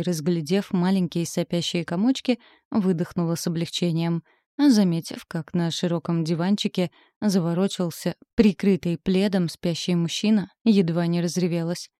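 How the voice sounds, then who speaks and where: A woman narrating a first-person audiobook in an expressive, emotional way. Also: lowish voice, moderate pace, no echo, clean studio sound.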